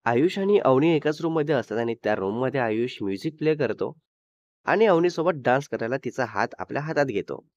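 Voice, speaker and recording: A man telling a romantic couple story in steady narration. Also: medium pitch, brisk, dry recording. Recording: dull dry sound.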